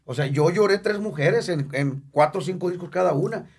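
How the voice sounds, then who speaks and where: A man's voice: high voice, fairly quick, a little mellow, husky. A Mexican singer in his fifties, a guest in a casual interview, talking candidly and emotionally, joking and repeating words for emphasis. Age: 50s.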